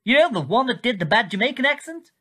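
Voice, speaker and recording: A woman's voice: fairly high pitch, very animated, fast talker, fairly bright tone, breathy edge, heavily acted. A woman voicing a sinister disembodied 1940s English newsreader voice that goads the listener with clipped, mock-cheerful cruelty. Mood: frantic. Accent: clipped 1940s English newsreader accent. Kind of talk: comedy sketch acting.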